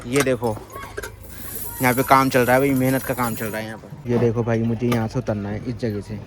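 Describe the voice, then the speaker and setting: A man in casual vlog mode keeps up a running chat with his viewers, pointing things out as he goes. His voice sits at an ordinary middle pitch. Clear street and vehicle noise runs under the phone recording. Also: little pitch movement, brisk. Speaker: vlogger and father. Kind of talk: casual vlog narration to camera. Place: outdoors, rooftop and street market.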